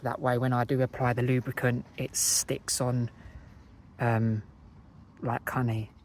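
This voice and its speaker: A man with an Essex accent casually talking through motorcycle maintenance outdoors, relaxed and rambling with fillers and self-corrections. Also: mid-range voice, unhurried, a little hiss or hum. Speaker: motorcycle vlogger. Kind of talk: casual how-to narration. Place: outdoors beside a parked motorcycle.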